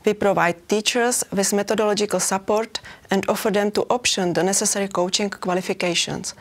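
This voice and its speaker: A woman's voice: medium pitch, fairly even intonation, a little fast. A woman from the Czech Republic giving a prepared conference presentation for a chess federation, reading steadily with occasional hesitations.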